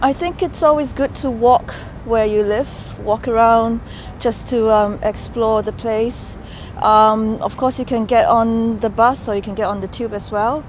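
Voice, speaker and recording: Chatty woman from Singapore, rumbling background. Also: fairly even intonation, unhurried, slight background noise, low-quality recording. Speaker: PhD student. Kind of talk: interview testimonial.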